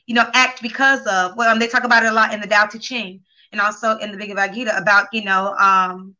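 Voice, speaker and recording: Talk-show co-host, woman, bright raised voice, rambling and earnest, near tears, dull lo-fi recording. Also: medium pitch, fairly even intonation, fast talker. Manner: rambling, heavy on filler phrases, earnest and emotional. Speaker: co-host and sex coach. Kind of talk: casual talk show chat. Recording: dull lo-fi sound.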